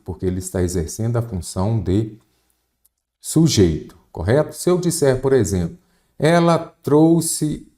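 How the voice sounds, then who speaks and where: A man's voice: low-pitched, dark tone. A man with a Brazilian Portuguese accent teaching an exam-prep grammar lesson, explaining patiently and checking in often with his students.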